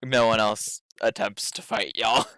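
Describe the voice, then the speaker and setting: A man acting as game master, narrating a casual tabletop game in a halting way, thinking aloud as he goes. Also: lowish voice, little pitch movement, bright, forceful tone, smooth, no echo.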